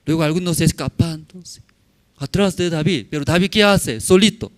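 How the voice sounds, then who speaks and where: A man's voice: fairly high pitch, moderate pace. A man preaching a sermon in a church, telling a story with many rhetorical questions to the congregation and speaking in simple, broken phrases. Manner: non-native Spanish with simplified grammar. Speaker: pastor.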